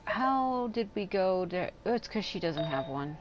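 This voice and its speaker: With game music running underneath, this woman talks through her gameplay on a livestream, musing aloud and wandering off topic. She's an adult with a fairly low, expressive voice and an unhurried delivery.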